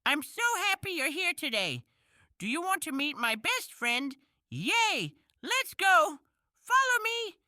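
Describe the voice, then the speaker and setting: Woman voicing a cheerful cartoon kitten, high bright voice, slow sing-song to toddlers. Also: sing-song, no echo, studio quality, heavily acted. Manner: slow, sing-song, talks to small children. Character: cheerful young male kitten host. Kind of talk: preschool cartoon voice.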